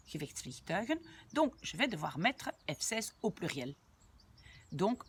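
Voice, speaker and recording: Slow, patient woman teaching Dutch. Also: on the low side, a bit bright, husky. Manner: patient, repeats and translates word by word; chatty asides to viewers. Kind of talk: language lesson explaining a sentence.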